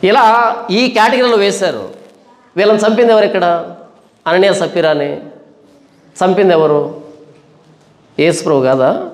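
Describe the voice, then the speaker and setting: Casting: male preacher with a high voice, fiery emphatic sermon delivery, echoey room. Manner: emphatic, fiery, full of rhetorical questions.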